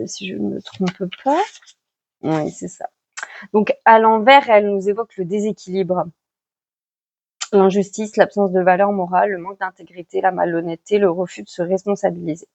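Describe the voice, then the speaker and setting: Woman tarot reader, relaxed chatty delivery full of fillers, mid-pitched, dull lo-fi recording. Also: moderate pace, vocal fry. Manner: chatty and relaxed, with many fillers and self-corrections. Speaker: tarot card reader giving weekly guidance. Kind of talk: casual spoken vlog.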